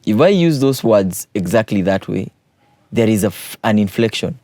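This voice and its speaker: A man's voice: on the low side, expressive, normal speed, dark tone, no room sound. A man, a teacher patiently explaining poetry exam questions and repeating key points.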